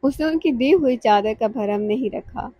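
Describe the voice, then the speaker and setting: A woman narrating a romantic novel in a measured, emotional reading. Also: on the high side, no room sound, lo-fi sound. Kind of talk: scripted audiobook narration.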